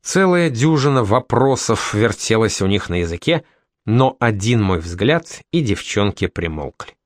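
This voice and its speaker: Male narrator, first-person novel read, wry delivery, expressive pitch, dry booth sound. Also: measured pace, dry recording. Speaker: audiobook narrator.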